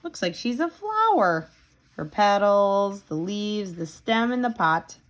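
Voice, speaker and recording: The audio is poor as a woman with a mid-range voice slowly reads a children's storybook aloud. Animated and dramatic, she gasps, speaks in simple, clear phrases, and asks questions of the young listeners.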